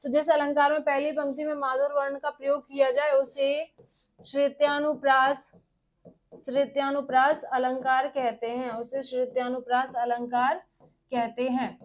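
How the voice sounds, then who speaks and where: A woman's voice: high-pitched, flat delivery. A woman teaching an exam-prep grammar lesson, dictating and repeating phrases so students can write them down, and answering her own questions. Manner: dictating slowly, repeating phrases for note-taking.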